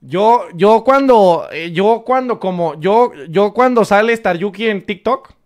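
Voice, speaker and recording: A young man with a Mexican Spanish accent reacting to clips on a live stream in casual chat, loud and crude, laughing often. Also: high voice, unhurried.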